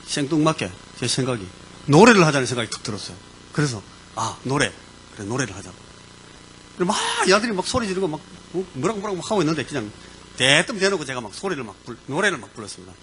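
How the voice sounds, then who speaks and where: A man preaching as a pastor, telling a personal story with lively sound words and sudden bursts of emphasis. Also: a little high, quick pace, slight background noise, rough recording. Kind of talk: sermon storytelling. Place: church.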